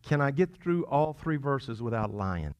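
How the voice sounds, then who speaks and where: Male pastor, sermon, playful conversational delivery, loud emphasis, soft asides. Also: mid-range voice, big pitch swings, a little slow, clean tone. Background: congregation chuckling.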